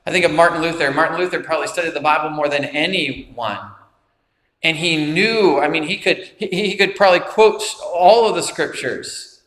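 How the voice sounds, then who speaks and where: A man's voice: fairly high pitch, moderate pace, fairly bright tone, reverberant, in a large hall. A man preaching a sermon, retelling a film scene with quoted dialogue. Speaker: pastor.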